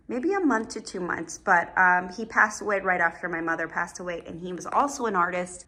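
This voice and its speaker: A woman's voice: medium pitch, pushed and bright. A woman casually narrating a home renovation tour as its host, gushing over the decor with emphatic adjectives.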